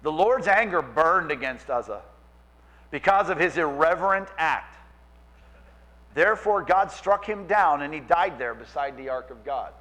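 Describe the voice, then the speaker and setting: A man preaching a sermon as pastor, animated and acting out quoted voices. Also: fairly high pitch, measured pace, low-quality recording.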